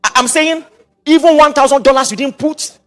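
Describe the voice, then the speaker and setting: A middle-aged Nigerian man preaching a sermon, mixing in Pidgin asides and quick repetitions. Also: very high-pitched, fairly bright tone, faint music behind. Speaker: pastor.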